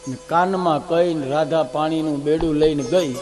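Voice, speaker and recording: A man telling a devotional story as a katha preacher, acting out the characters' lines with big jumps in pitch and loudness. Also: fairly even intonation, normal speed, soft background music.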